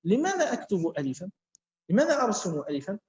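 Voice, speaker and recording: High-voiced man teaching in an echoey classroom. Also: very animated. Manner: slow, repeating and quizzing students. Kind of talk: classroom lesson with student questions. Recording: echoey, dull-sounding classroom.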